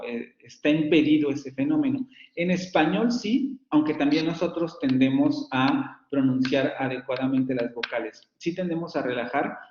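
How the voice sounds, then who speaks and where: A man's voice: mid-range voice, darkish tone. A man teaching a university phonetics class in a recorded online lecture, explaining at length and modeling sample words aloud. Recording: roomy, dull lo-fi sound.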